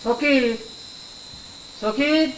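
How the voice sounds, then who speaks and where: A man's voice: very high voice, extremely slow, slight background noise, heavily acted. An actor playing a stern older village father who lectures his son. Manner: firm, lecturing.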